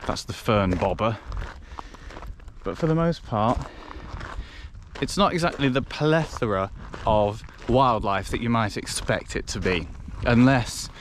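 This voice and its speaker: Slow, wry young man vlogging outdoors. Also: medium pitch, slight background noise. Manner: wry, self-mocking and chatty, rambling with restarts. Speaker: hiking vlogger. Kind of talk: casual vlog to camera. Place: outdoors on a wooded fellside. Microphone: handheld action camera.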